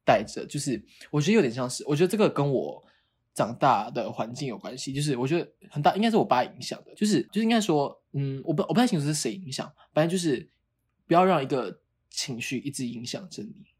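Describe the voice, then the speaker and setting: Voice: medium pitch, expressive, fast talker, a little mellow, slightly rough. A podcast co-host in casual chat, hesitant and repeating words while explaining.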